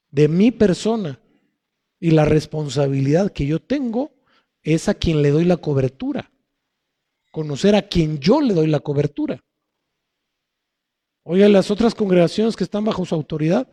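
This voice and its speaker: A male pastor preaching a sermon slowly and emphatically, asking rhetorical questions and answering them. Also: on the high side, mellow. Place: church hall. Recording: long hall reverb.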